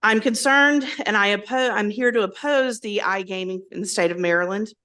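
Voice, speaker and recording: A woman giving prepared testimony as a public witness, hesitant with frequent pauses. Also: medium pitch, sharp tone. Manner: hesitant, many ums.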